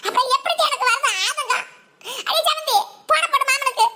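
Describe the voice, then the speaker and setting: Woman voicing a cartoon granny, very high, bright, shrill, scolding, Tirunelveli accent, faint hiss. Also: brisk, full character voice. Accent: Tirunelveli Tamil. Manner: shrill, scolding, laughing through rants. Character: angry old village grandmother, loud and scolding. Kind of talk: cartoon voice acting.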